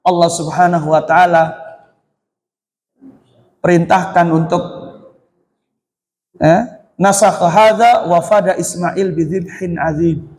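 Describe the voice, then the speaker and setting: A man's voice: high voice, fairly even intonation, slow, long pauses, darkish tone. A man with an Indonesian accent giving a mosque study lecture, who asks his listeners questions and then answers them himself. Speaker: Islamic teacher. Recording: echoey hall.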